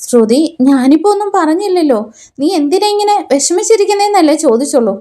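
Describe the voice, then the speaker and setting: A worried young woman from a television serial, anxiously asking what has happened, as a woman retelling the scene puts her on. The voice rides high. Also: expressive, fast talker, mellow. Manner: anxious questioning. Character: worried young woman questioning a family member.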